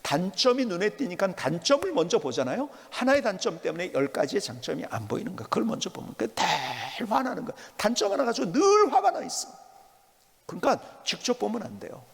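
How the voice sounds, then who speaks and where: A male pastor preaching a sermon, emphatic and animated, at times dropping to a soft whisper. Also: sits high, fairly quick, creaky, breathy edge, in a large hall.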